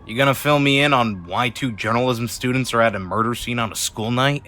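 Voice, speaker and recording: An actor playing a reluctant, wisecracking young student sidekick in a video game, wry and grudging. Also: male voice, medium pitch, brisk, sharp tone, slight background noise, close to an everyday voice. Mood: wry, complaining. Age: young adult.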